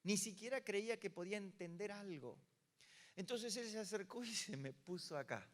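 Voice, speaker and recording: Older male pastor, Rioplatense Spanish accent, animated storytelling, slightly high voice, long hall reverb. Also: moderate pace. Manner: animated storyteller acting out dialogue. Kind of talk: sermon storytelling.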